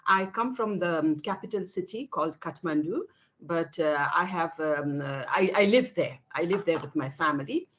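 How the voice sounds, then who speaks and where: A woman in her sixties from Nepal, answering interview questions over a video call in a thoughtful way, often pausing with fillers and restarting her sentences. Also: sits low, a bit bright. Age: 60s. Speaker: interview guest, women's rights activist.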